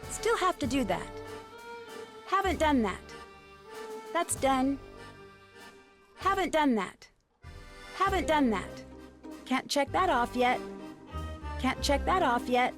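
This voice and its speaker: A woman's voice: high-pitched, expressive, slow pace, long pauses, fairly bright tone, heavily acted. An actress playing a polite, earnest and inquisitive young female detective in a video game. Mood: matter-of-fact. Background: music.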